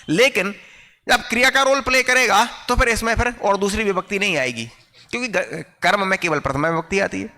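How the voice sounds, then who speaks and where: A male teacher giving an online grammar lecture, explaining patiently, often checking whether students follow and slowing down to dictate example sentences. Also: sits high, bright, forceful tone, long reverb tail.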